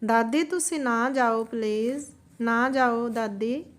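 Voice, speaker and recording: A woman's voice: fairly high pitch, takes it slowly. A woman voicing an innocent young boy who speaks earnestly and pleads. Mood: pleading.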